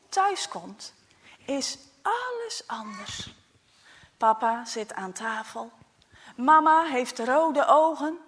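A woman narrates a children's story at an unhurried pace, often sinking into a hushed, almost whispered tone. Her fairly high voice rises and falls widely to carry the emotion of each moment. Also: slightly rough, big-room sound.

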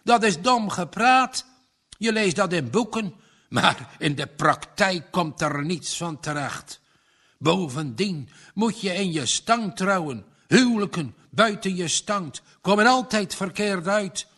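A man voicing an angry, stubborn old farmer father who shouts with indignation. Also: animated, slow pace, exaggerated voice. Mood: indignant. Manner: shouting, indignant, pitch jumps up.

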